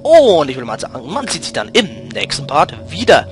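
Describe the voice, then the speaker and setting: A young man hosting a let's play, talking in slangy commentary that drops to mumbles and bursts into loud shouts during fights. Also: mid-range voice, very animated, brisk, soft background music.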